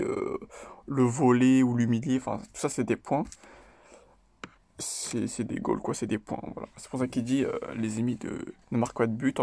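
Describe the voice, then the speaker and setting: Gravelly-voiced man chatting casually. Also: medium pitch, a little mellow. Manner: loose and chatty, tags lines with "ok?" and "voilà"; hesitant, with frequent fillers and restarts. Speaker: video host analysing rap lyrics. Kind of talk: casual spoken commentary.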